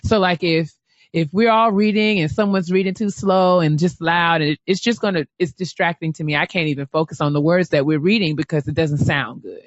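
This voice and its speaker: A woman co-hosting a casual podcast, talking in an animated way and repeating phrases as she builds a point. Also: low-pitched, dry recording, dull audio. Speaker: podcast co-host.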